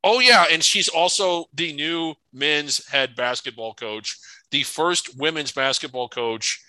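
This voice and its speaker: A man's voice: a little high, unhurried, sharp tone, dry recording, low-quality recording. A man co-hosting a sports podcast, opinionated and prone to stumbling restarts. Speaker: podcast co-host. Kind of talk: casual sports podcast chat.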